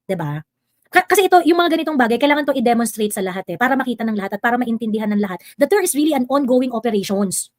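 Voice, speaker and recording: Sarcastic high-voiced woman livestreamer. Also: animated, very fast, dry recording. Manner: sarcastic, confrontational, mixing Tagalog and English. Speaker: livestream vlogger host. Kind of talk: heated livestream commentary.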